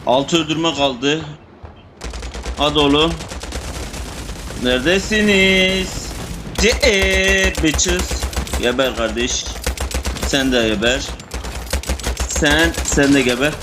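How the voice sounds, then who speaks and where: A young man commenting casually on his shooter gameplay, excitable and swearing, talking to his teammates and enemies. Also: fairly high pitch, slow, pauses often, noisy background. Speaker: gamer playing a shooter. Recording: game gunfire under the voice. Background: gunfire and game sound effects.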